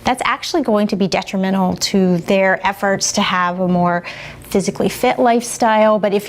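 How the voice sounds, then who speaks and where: A woman giving an informative, measured explanation of nutrition in a documentary interview. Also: mid-range voice, slight background noise.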